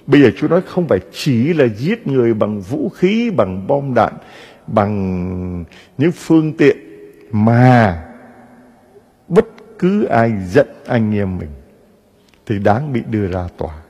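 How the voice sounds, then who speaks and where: Husky-voiced priest preaching in a reverberant church. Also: male voice, mid-range voice, slow. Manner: animated preaching with rhetorical questions to the congregation. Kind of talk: sermon.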